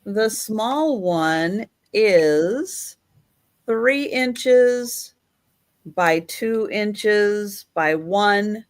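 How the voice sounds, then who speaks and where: Woman doing a live online sale, really slow talker, chatty and measured, medium pitch. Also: animated. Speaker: live auction seller. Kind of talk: live sale patter, describing items.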